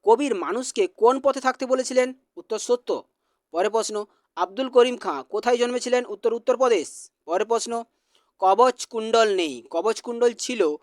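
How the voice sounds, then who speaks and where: A man teaching, reading exam questions and their answers in a brisk, repetitive quiz drill. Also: extremely high pitch, dry recording, studio quality.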